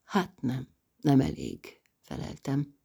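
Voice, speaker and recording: A woman reads an audiobook of a novel in letters, in a low, dark voice with a gravelly texture. Her reading is dramatic, with lively swings in pitch, and it moves from loud passages down to near-whispers. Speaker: audiobook narrator.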